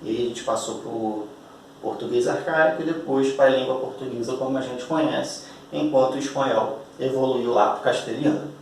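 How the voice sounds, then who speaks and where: Heard from a distance in an echoey, roomy classroom, a man with a medium-pitched, slightly mellow voice speaks at normal speed while teaching grammar at a board. He chats, checks in with students, and stretches out key words. A bit of hiss or hum runs underneath.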